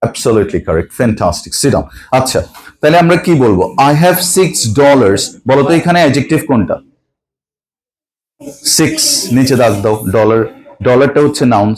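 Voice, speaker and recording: A man's voice: fairly low pitch, darkish tone, rough recording. A man teaching an English grammar lesson to a class. He keeps asking the students questions and mixes Bangla with English.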